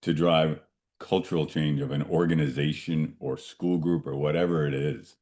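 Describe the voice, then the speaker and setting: A man hosting an interview, giving short encouraging replies and thinking out loud. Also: very deep voice, fairly even intonation, moderate pace. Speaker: interview host. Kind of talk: conversational interview.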